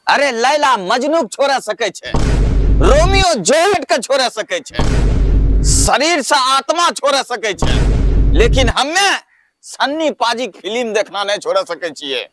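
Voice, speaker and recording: A man playing a high-pitched boastful village dad. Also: very animated, unhurried, background noise, heavily acted. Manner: brash, boastful, theatrical bluster. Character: boastful middle-aged village father, film superfan. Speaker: comedy sketch performer. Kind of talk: rustic comedy skit.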